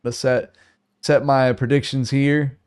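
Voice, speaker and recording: A man's voice: mid-range voice, little pitch movement, darkish tone, smooth, no room sound, clean studio sound. A man co-hosting a podcast, chatting casually and searching for his words. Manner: halting, searches for words with fillers. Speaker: podcast co-host. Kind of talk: casual chat.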